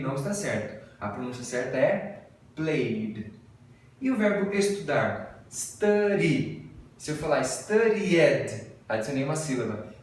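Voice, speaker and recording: A man's voice: a little high, far from the mic. A Brazilian man with a Brazilian Portuguese accent, an English teacher giving a video lesson and patiently drilling pronunciation. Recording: very echoey room, voice off-mic.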